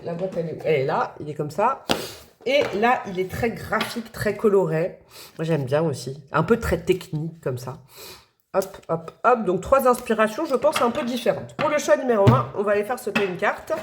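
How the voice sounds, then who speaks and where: A woman's voice: on the low side, darkish tone. A woman giving a casual tarot reading to her viewers, talking in a friendly, hesitant way with many fillers and restarts. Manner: friendly, addresses viewers directly. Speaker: tarot reader.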